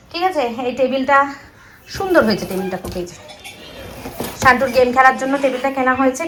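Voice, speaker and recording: A woman's voice: high-pitched, fairly bright tone, slight background noise. A middle-aged woman from West Bengal with a Kolkata Bengali accent, chatting casually to her viewers in a home vlog from her kitchen, repeating herself often. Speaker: vlogger.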